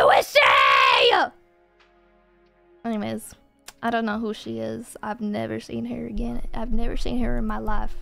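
A woman's voice: on the high side, vocal fry, darkish tone. A woman streamer chatting casually with her audience, giggling often and swearing freely.

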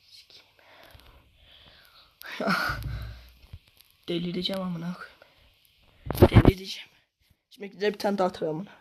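A man playing a football video game, swearing constantly and repeating the same phrases in frustration, switching between low muttering and sudden shouts. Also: little pitch movement, moderate pace, long pauses, noisy background. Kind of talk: casual gameplay commentary.

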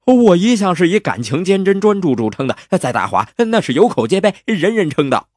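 A man voicing a cheeky, smooth-talking teenage boy who wriggles out of trouble with flustered excuses. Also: high voice, very animated, brisk, darkish tone, no echo, voice pushed up. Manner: flustered, evasive, talking his way out. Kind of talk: audio drama acting.

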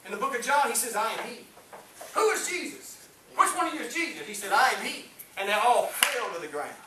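A middle-aged man with a very high, sing-song voice preaches briskly in a fervent, Pentecostal-style sermon, his delivery rising and falling as he calls for amens from a small congregation. A distant camera, with no mic in sight, captured it in an echoey church hall with faint hiss.

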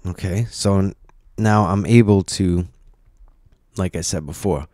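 A man casually explaining software steps one at a time in a screen-recorded tutorial, with lots of "you know"s. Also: low voice, measured pace, background noise. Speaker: tutorial presenter.

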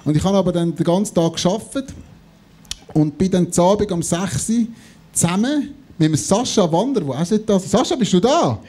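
A man in his thirties with a Swiss German accent, telling an anecdote live on stage in an animated way, acting out the dialogue. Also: high voice, fairly quick. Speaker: comedy show panellist. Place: on stage in a theatre before an audience. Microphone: handheld or stand microphone held close.

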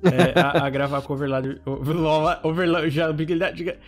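A man's voice: fairly high pitch, level tone, brisk, soft background music. A man hosting a casual podcast chat, his audio popping and crackling from a loose mic cable as he stammers and restarts words. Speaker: podcast host.

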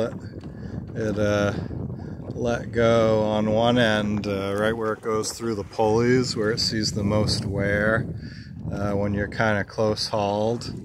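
A man narrating casually while sailing a small boat, talking in an unhurried way with many filler pauses, recorded outdoors at sea on a boat-mounted camera. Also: fairly low pitch. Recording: wind and water noise outdoors. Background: wind and water noise.

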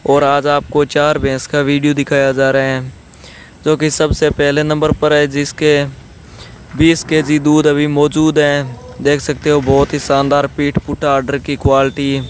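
Man giving flat, repetitive sales patter. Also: on the high side, a little slow, slight background noise. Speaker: channel host showing buffalo for sale. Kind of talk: video tour commentary. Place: outdoor dairy farm yard.

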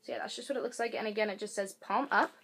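A woman's voice: medium pitch, fairly even intonation, very fast, a bit bright. Young woman vlogger, mid-range voice, loose filler-heavy demo talk, home camera audio with faint hiss. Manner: rambling, filler-heavy, self-correcting. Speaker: beauty and advice vlogger. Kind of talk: casual product demonstration. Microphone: camera mic. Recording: faint hiss from air conditioner.

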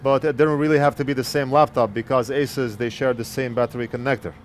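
At an indoor electronics repair workbench, a man in his forties walks through the job step by step, talking as he works into a wired earpiece headset mic. The repair technician's medium-pitched voice keeps a steady tone, he speaks fast and plainly, and there's slight background noise.

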